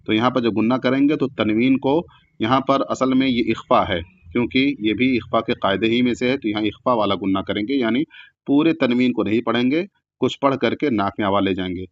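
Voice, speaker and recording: A man teaches Quran recitation, chanting each verse slowly with long drawn-out sounds, then quickly explaining the rules in plain speech. His voice is medium-pitched, with no room sound and lo-fi audio.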